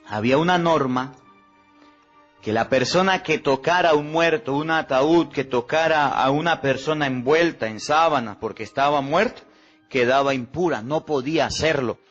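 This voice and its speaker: A man's voice: medium pitch, a bit bright. A Mexican priest giving a homily at Mass. He preaches with heavy repetition and puts questions to the congregation. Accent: Mexican Spanish. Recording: slightly dull recording with faint music.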